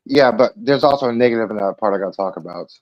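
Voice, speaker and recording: A man chatting casually as a show panelist, excitable, quoting his own reactions aloud. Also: fairly low pitch, fast, dull audio. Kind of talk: casual chat.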